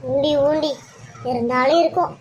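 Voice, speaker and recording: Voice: high voice, normal speed, highs cut off, slight background noise, lightly acted. A performer voicing a sly, meddling older woman of the family who conspires with the villainess. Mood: conspiring. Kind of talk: amateur serial-story voice acting.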